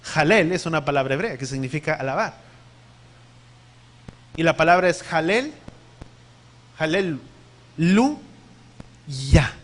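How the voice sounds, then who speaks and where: A male preacher delivers a sermon in a high, emphatic voice. He teaches, asks the congregation questions, and spells out words letter by letter. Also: lively intonation, moderate pace, long pauses, a bit bright.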